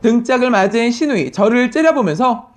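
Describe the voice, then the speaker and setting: A woman calmly narrating a first-person story as a story reader. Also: on the high side, fairly quick. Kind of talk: story reading for sleep. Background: faint music.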